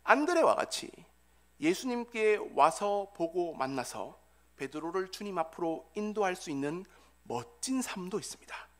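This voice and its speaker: A male pastor preaching a sermon in church, swinging from loud calls to soft whispers. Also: high-pitched, sing-song, normal speed. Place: church sanctuary.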